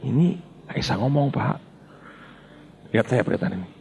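A man's voice: medium pitch, fairly quick, creaky, darkish tone, husky. A middle-aged male pastor, telling a story in a sermon and acting out the dialogue while addressing the congregation.

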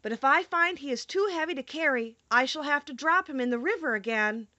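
A kindly storybook mother stork read by a woman, earnest and gentle. The voice is high and lilting. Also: expressive, a little fast, dry recording, highs cut off.

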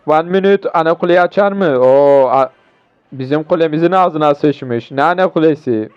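A young man with a hoarse voice commentates a mobile game match live, excitable and cursing at his opponents. His voice sits a little high with a smooth tone underneath the hoarseness. The recording sounds dull and lo-fi. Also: normal speed. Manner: excitable, swearing, talks to viewers mid-match. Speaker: gaming YouTuber.

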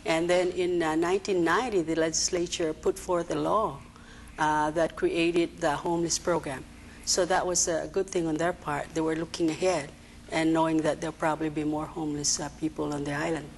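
A woman, an agency director answering TV interview questions in a halting way with many fillers. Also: sits low, flat delivery, a little hiss or hum, low-quality recording. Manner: hesitant, many fillers and restarts. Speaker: executive director of a social services agency, interview guest. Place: TV studio.

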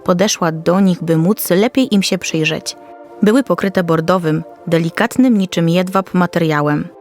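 This is a woman narrating a scripted children's story in a somewhat low voice at a moderate pace. Her reading is careful, descriptive and story-like, with soft music underneath.

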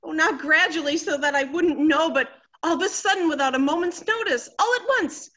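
Distraught and wailing, this middle-aged wife, voiced by a woman, is high-pitched, vain and self-absorbed in her worry. She speaks a little quickly with a sharp tone, fluttery and exclamatory in stage-comedy melodrama.

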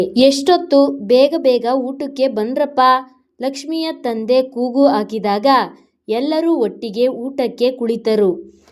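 A woman's voice: a little high, dark tone. Woman reading a story aloud. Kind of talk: scripted story narration.

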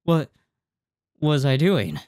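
Speaking slowly with large swings in pitch, a man in his twenties reads game text aloud during a let's play and tosses out casual reactions, sometimes fumbling words. His voice is a little high and a little mellow, and the recording is dry. He sits in a small room at his gaming rig with a headset on and a desk mic close by, game music in the background.

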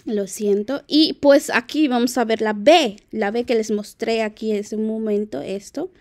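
A young woman whose first language is Q'anjob'al walks viewers through a lesson in an easygoing, chatty way. She speaks unhurriedly in a slightly higher voice, pausing and restarting as she corrects herself. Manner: friendly, halting, self-correcting. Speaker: language teacher on video. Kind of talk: casual spoken tutorial.

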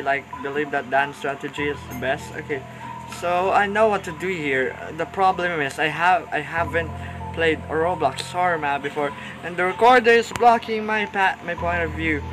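Loud game music backs this nervous horror-game commentary from a young YouTuber whose voice is slightly high. He panics, worries out loud, and keeps repeating "oh no" and other lines throughout the let's-play. The audio quality is poor.

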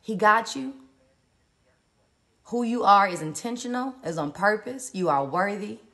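A woman's voice: mid-range voice, expressive, measured pace, sharp tone. A woman hosting a live-stream morning encouragement, colloquial and preacherly as she greets viewers by where they are.

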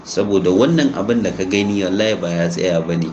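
A man's voice: deep voice, fast talker, a little mellow, muffled recording. A man from Nigeria with a Hausa accent giving informal, emphatic commentary, mixing languages and exhorting listeners with rhetorical questions. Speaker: online crypto commentator. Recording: noisy amateur recording with background ambience.

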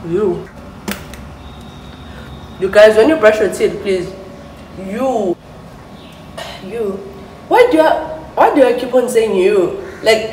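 Woman vlogger, casual and self-mocking to camera, swears a lot; echoey room, faint hiss. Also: medium pitch. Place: hostel room and bathroom.

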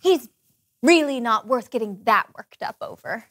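A woman in her thirties playing a brisk, resourceful, diplomatic wife in a comic children's Bible sketch. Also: on the high side, expressive, a bit bright, a little hiss or hum. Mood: placating. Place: studio with green-screen backdrop.

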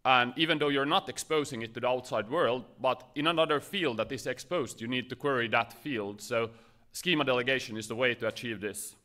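Speaking from a conference stage, a Finnish presenter delivers a brief tech talk in a brisk, pushed, bright mid-range voice. Nerves show through his many fillers and restarts.

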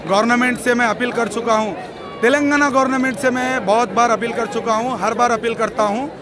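A middle-aged man, a wrestling organizer giving a loud, pleading press statement into news mics, repeating phrases for emphasis. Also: extremely high pitch, fairly even intonation, brisk. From Hyderabad, India. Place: outdoor stadium at night, wrestling crowd. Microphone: cluster of handheld news mics. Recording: outdoor event with loud crowd.

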